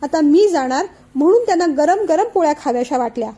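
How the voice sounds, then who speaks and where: Tearful sulking young wife read by a woman, high mellow voice, audiobook drama. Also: animated, fast talker. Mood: tearful complaint. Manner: complaining through tears.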